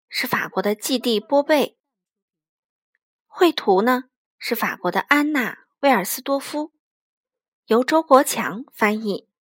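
High-voiced woman reading a picture book. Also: a bit bright, no room sound, studio quality. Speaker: storyteller. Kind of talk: picture book read-aloud.

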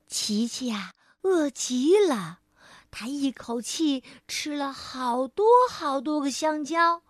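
A woman storyteller reading a storybook aloud for children, in a gentle and expressive way. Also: high voice, slow, no echo, studio quality.

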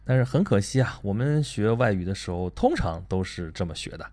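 A man hosting a casual talk, animated and chatty, asking himself rhetorical questions. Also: lowish voice, fairly quick. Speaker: podcast host. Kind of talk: casual monologue on learning and reading.

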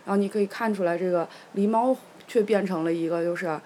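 Lively woman telling a folktale. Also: medium pitch, fast talker, a little hiss or hum. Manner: lively, animated storytelling. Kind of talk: retelling a story in casual chat.

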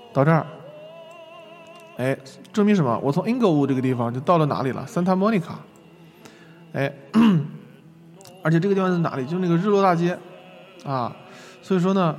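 Fast-talking man lecturing online. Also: on the high side, in a large hall. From China. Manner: lively, self-mocking storytelling with laughs.

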